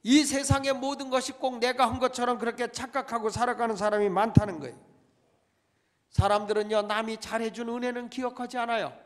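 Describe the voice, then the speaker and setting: A man's voice: very high-pitched, fairly even intonation, fairly quick. A middle-aged male pastor preaching a sermon, calling out to his congregation and pressing each point with dramatic emphasis. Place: church sanctuary. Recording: long church reverb.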